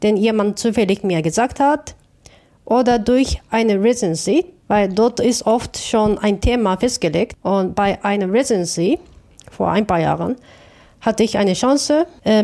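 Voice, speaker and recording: Mellow-voiced artist woman from Japan. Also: medium pitch, a little slow. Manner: careful, thoughtful, with small restarts. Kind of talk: interview answers.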